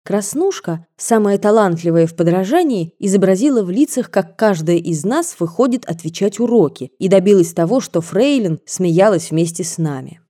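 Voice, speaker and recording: A woman reads a classic novel aloud, telling the story at a measured, expressive pace. Her voice is mellow and dark in tone, with a relaxed, unhurried delivery. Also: mid-range voice. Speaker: audiobook narrator.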